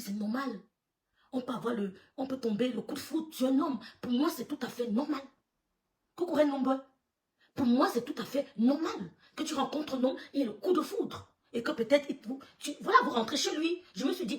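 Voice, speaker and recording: A woman telling a story live to her viewers, lively and laughing often, acting out what others said and greeting people as they join. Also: sits high, brisk, distant mic. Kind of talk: animated storytelling on a live stream.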